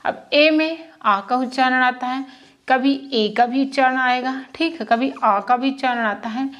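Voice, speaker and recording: Woman teacher going over letter sounds on a whiteboard, higher voice, slow repeats. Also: a bit bright, lo-fi sound. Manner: repeats sounds slowly, asks and answers her own questions. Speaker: English teacher. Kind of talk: whiteboard lesson in Hindi. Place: classroom with whiteboard.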